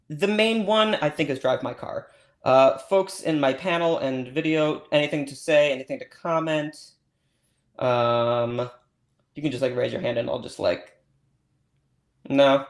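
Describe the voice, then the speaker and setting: A man's voice: fairly high pitch, natural voice. A man playing a scatterbrained, over-eager host of an awards-predictions livestream, who rambles and gushes with lots of ums and restarts.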